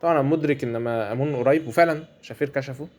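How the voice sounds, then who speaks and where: A man's voice: medium pitch, rapid-fire, darkish tone. A man with an Egyptian Arabic accent giving chatty commentary over a mobile game match, often repeating his phrases. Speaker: gameplay commentator.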